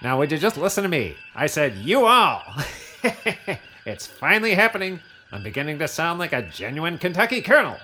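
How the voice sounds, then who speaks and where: Guy doing a smug trust-fund starship captain, laughs at his own jokes, kinda high voice. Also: big pitch swings, a little fast, pushed and bright, slight background noise. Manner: smug, chuckling, self-amused. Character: pompous rich male starship captain. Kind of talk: comedy audio sketch.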